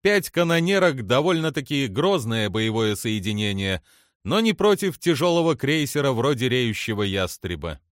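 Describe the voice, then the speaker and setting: A composed male officer speaks in a quiet, even, reassuring way. A male audiobook reader plays him in his own voice. The recording is dry, with no room sound. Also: mid-range voice, normal speed, dry recording, lightly acted. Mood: calm. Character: calm male naval officer, steady and measured.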